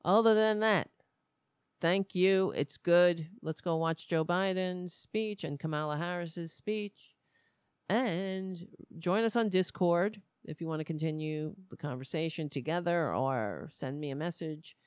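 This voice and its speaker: Slow-talking woman hosting a live stream. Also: low-pitched, a little mellow, smooth, no room sound, studio quality. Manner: loose, halting, conversational. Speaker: host of a live political show. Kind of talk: casual live-stream talk to viewers.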